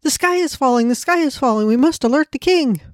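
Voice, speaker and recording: A woman voicing a tiny, frantic hen in a storybook reading, crying out in shrill alarm. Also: lively intonation, brisk, dry recording, clean studio sound. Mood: panicked. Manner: shrieking, breathless alarm.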